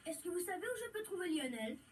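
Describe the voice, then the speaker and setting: A woman's voice: very high-pitched, big pitch swings, fast talker, recorded from a distance, slight background noise. A woman voicing a self-important moose playing rural detective in a children's cartoon. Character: pretend rural detective moose, serious and puzzled. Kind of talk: French-language children's cartoon dubbing.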